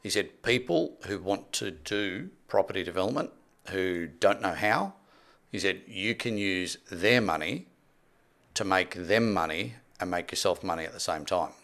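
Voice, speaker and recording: With a low, expressive, slightly bright voice, a man in his sixties speaks a little slowly as he tells stories on a podcast. He is a property development expert, conversational and emphatic, recorded on a close boom-arm studio microphone with headphones in a small indoor studio.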